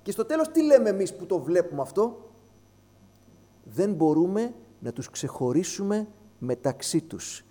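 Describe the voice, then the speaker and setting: A man preaching a sermon, switching between hushed low phrases and raised emphatic ones. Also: very animated. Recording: long hall reverb with mains hum.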